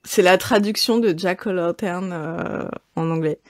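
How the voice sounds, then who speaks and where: A woman's voice: lowish voice, measured pace. A woman hosting a podcast, playfully quizzing her guests and laughing between questions. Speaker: podcast host. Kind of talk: casual podcast chat.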